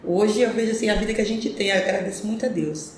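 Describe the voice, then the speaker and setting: A woman recounts her past as an interview guest, reflective and earnest, pausing and restarting as she goes. Her mid-range voice rings out in a strongly echoing room. A faint hum of ambient noise sits underneath. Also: medium pitch, steady tone. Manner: earnest, reflective, rambling storytelling with frequent pauses and restarts. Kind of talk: telling her life story in a podcast interview.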